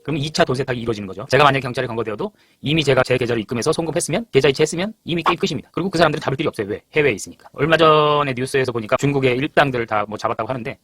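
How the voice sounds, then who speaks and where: A man's voice: mid-range voice, racing, few pauses, fairly bright tone, no room sound. A man giving an explanatory voice-over narration. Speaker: narrator, video creator.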